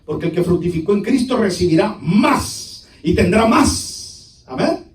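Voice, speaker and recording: A man preaching a sermon in a high, very lively voice that swoops up and down, jumping from loud declarations to hushed asides. He is picked up from far off, and the church around him rings with echo. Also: unhurried. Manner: dramatic preaching, shifting between loud and hushed. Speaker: pastor. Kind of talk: Spanish-language sermon. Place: church sanctuary.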